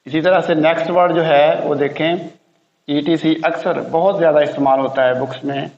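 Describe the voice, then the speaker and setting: Gravelly-voiced man teaching English pronunciation. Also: a little high, steady tone. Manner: repeats each word slowly many times. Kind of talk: beginner pronunciation lesson. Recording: roomy, echoey, dull lo-fi sound.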